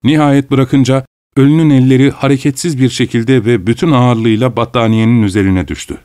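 Guy reading a story aloud, calm steady pace, dry close sound. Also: medium pitch, no echo. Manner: measured, unhurried storytelling. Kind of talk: audiobook narration.

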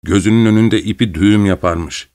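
A man reading a novel aloud in a measured, even storytelling voice. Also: fairly low pitch. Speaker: narrator. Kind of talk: audiobook narration.

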